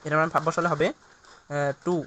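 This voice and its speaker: A man's voice: a little high, flat delivery, normal speed, fairly bright tone, a little hiss or hum. A man teaching a recorded chemistry lesson, walking through each step and asking and answering his own questions.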